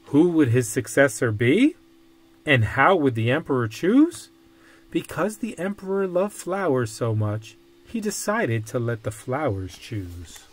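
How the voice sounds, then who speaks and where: Slow, animated man reading a storybook. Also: mid-range voice. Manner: deliberate, dramatic phrasing. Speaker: storybook reader. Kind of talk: expressive read-aloud of a children's picture book.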